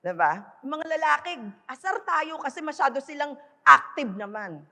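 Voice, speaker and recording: A woman's voice: high-pitched, very animated, normal speed, bright, forceful tone. A middle-aged woman pastor from the Philippines gives a conversational conference sermon, mixing in English and often checking in with the crowd. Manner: conversational, switching between Tagalog and English, often asking "di ba?". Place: large conference hall. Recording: long hall reverb from a conference venue.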